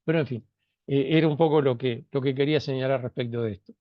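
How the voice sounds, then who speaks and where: A man's voice: mid-range voice, steady tone, fast, no room sound, lo-fi sound. A man speaking on a panel discussion, hesitant, with many fillers and restarts.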